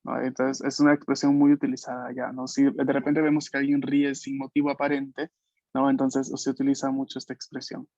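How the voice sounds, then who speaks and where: A man's voice: mid-range voice, monotone, fairly quick, a little mellow, no room sound, lo-fi sound. A man teaching an online language class, explaining patiently and checking in with frequent questions. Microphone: video call.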